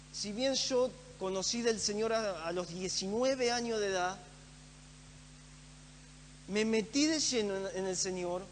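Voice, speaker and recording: A man preaching a sermon in a church, earnest and emphatic, repeating phrases for stress. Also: sits high. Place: church hall. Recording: echoey church hall with faint hum.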